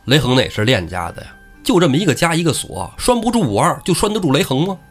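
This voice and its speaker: A man's voice: on the high side, quick pace, husky, soft background music. A man hosting a podcast, retelling a classic tale casually and acting out its characters. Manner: lively, acts out characters. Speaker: podcast host and storyteller. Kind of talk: casual storytelling.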